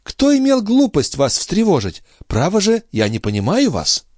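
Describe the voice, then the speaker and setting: A nervous, fragile young woman, read by a male narrator who talks in breathless, high exclamations. Her pitch swoops widely as she protests. The audiobook sound is dry and close. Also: huge pitch swings, normal speed, darkish tone, no room sound, full character voice. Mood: agitated, fluttery.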